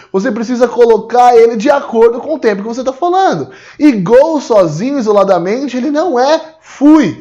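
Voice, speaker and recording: A Brazilian Portuguese-accented man teaches English to the camera, speaking straight to the viewer. His voice sits high for a man and leaps around lively in pitch. He slows down to model each English phrase carefully. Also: highs cut off. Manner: animated and explanatory, slowing down to model English phrases. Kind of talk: video lesson, direct address to the viewer.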